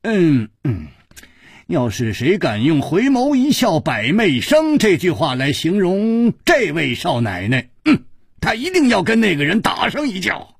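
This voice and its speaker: A male storyteller voicing a charming swordsman hero who laughs and sighs through his teasing. The voice rides high and swings widely, with a husky grain and a lilt. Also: huge pitch swings, unhurried, no echo, studio quality, full character voice. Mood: sighing, teasing. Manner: playful, laughing, mock-apologetic.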